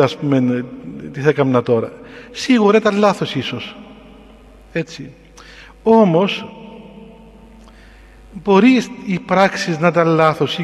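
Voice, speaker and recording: Cypriot priest guy, fairly high voice, slow reflective story-sermon, big echoey hall. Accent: Cypriot Greek. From Cyprus. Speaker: clergyman. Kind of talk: sermon-style personal storytelling.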